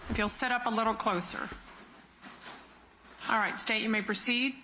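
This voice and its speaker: A woman judge, heard on a courtroom recording from some distance, briskly directing the court. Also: a little high, fairly even intonation, sharp tone, slight background noise. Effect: courtroom recording, distant mic.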